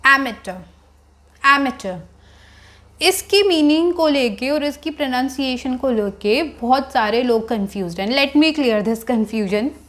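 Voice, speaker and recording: A woman teaching English words and their pronunciation, mixing in Hindi, spelling out each word slowly and calling viewers friends. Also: high voice. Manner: slow, deliberate over each English word. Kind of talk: Hinglish vocabulary lesson.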